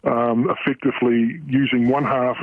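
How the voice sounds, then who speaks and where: Over a tinny, phone-like line with background noise, a middle-aged port worker speaks in a radio news interview, his voice altered to protect his identity. His mid-range voice holds a level tone, but his speech stumbles with many fillers and restarts.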